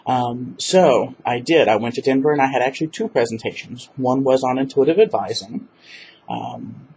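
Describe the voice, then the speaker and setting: A man's voice: medium pitch, lively intonation, moderate pace, darkish tone. A man, talking casually in a video diary and rambling with many fillers and restarts. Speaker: vlogger. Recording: dull lo-fi webcam audio with faint hiss.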